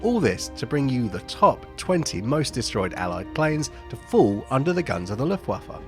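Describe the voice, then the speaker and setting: A man's voice: medium pitch, very animated, normal speed, darkish tone, faint music behind. A man narrating an aviation history video as a scripted voice-over, with wry, jokey asides between the statistics.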